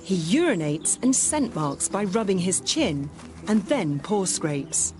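A woman's voice: mid-range voice, very animated, slow pace, over music. A woman reading scripted narration for a nature documentary.

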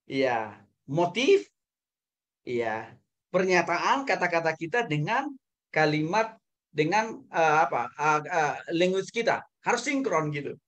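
Man, pastor, teaching a Bible class, animated lecture, loud emphatic highs, soft low asides, frequent tag words. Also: slow pace, pauses often. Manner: animated, often tags phrases with "ya" and "saudara".

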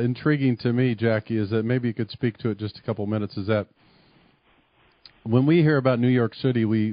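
A man's voice: on the low side, dry recording, muffled recording. A man hosting a radio show near San Francisco, asking long, rambling questions of a guest. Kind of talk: interviewing a guest.

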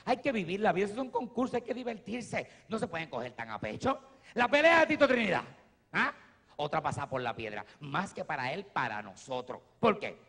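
A Puerto Rican comedian performing stand-up on a theater stage, talking in a lively way with big swings in his voice. His tone is fairly high and gravelly, and it rings with a long echo off the hall. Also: brisk. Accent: Puerto Rican Spanish. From Puerto Rico. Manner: animated, swings from low asides to loud shouts.

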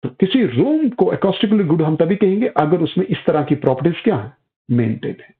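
A man's voice: on the high side, sing-song, moderate pace. A male physics teacher giving a classroom lecture, explaining step by step, asking questions and answering them himself, calling students "beta". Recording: tinny phone-like audio.

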